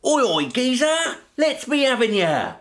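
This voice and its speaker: A man's voice: fairly high pitch, big pitch swings, moderate pace, heavy background noise. An actor playing a well-spoken young man with a dry, sarcastic wit in a sitcom. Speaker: posh young stepson. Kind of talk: sitcom acting.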